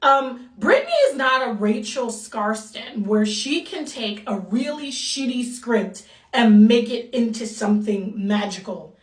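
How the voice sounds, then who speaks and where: A woman's voice: a little high, expressive, measured pace, far from the mic. Sassy exasperated woman reviewer, echoey room. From United States. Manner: sassy, exasperated, blunt with mild swearing. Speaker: movie reviewer. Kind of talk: casual rant-style movie review.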